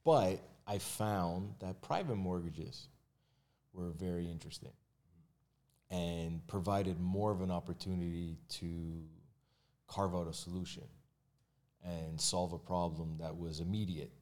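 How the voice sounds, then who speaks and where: Man, very low voice, podcast guest, casual candid chat, lots of fillers. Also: measured pace, darkish tone. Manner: candid, conversational, with frequent fillers and restarts. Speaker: mortgage agent and realtor guest.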